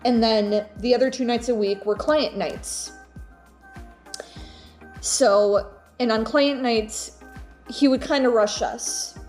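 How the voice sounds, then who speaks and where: A woman's voice: fairly high pitch, a little mellow. A young woman vlogger chatting casually and telling personal stories, often stopping and repeating her words as she goes. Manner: halting, repeats words and phrases.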